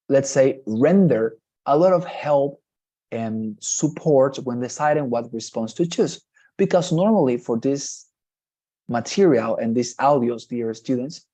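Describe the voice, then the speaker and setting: A man's voice: medium pitch, warm tone. A man with a Spanish accent teaching English test strategies in an online class, explaining patiently and repeating his key points.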